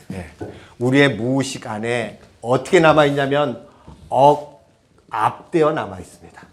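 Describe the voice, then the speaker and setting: A man giving a public lecture on parenting, speaking conversationally and often asking the audience rhetorical questions. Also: mid-range voice. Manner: switches to half-banmal, conversational asides.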